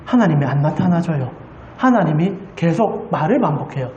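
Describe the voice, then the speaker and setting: A woman's voice: sits low, animated, brisk, dark tone, dull audio, slight background noise. A woman pastor preaching a Sunday sermon with passion, putting rhetorical questions to the congregation. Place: church sanctuary. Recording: roomy church hall echo.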